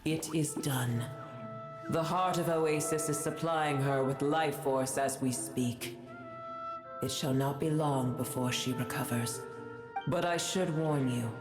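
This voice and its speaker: An actress playing an ancient, haughty dragon sovereign who scorns humans, speaking in an imperious, formal, deliberate way in a video game. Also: female voice, sits low. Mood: stern, dismissive. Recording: roomy echo with music underneath.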